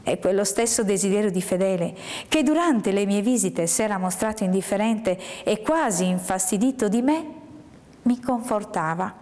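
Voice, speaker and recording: A woman reading a first-person literary story aloud in a measured, hushed way, sometimes sinking into a whisper. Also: medium pitch. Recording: long hall reverb.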